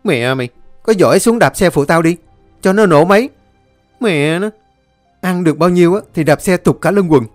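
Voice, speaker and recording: A man's voice: high-pitched, expressive, moderate pace, long pauses, soft background music, pitched above the performer's own voice. A man doing a cursing, grumpy village lad. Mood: angry grumbling. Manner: cursing, irritable. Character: grumbling young village man, foul-mouthed.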